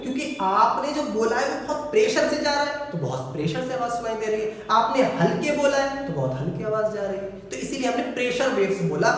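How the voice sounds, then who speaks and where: A man's voice: sits high, slight background noise. A man teaching a physics lesson, playful, asking questions and answering them himself in a student's voice. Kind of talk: classroom lesson with student-style replies. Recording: echoey room, voice from far off.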